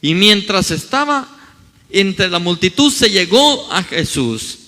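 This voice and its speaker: A man's voice: high-pitched, sing-song, slow, bright, forceful tone. A male pastor preaching a sermon in a church hall, swinging his voice wide as he acts out scripture quotes.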